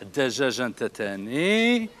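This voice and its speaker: A man's voice: medium pitch, big pitch swings, moderate pace, a bit bright. A man with an Algerian Arabic accent hosting a children's TV show, cheerfully praising and coaxing the children. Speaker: children's TV host. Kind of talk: lively children's TV studio talk.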